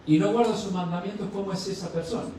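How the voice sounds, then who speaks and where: Pastor preaching in an echoey church. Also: male voice, sits high, fairly even intonation, quick pace, crowd noise. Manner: asks the congregation questions and answers them; acts out dialogues with rising voice. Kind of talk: sermon. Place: church sanctuary. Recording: distant mic in a very echoey church.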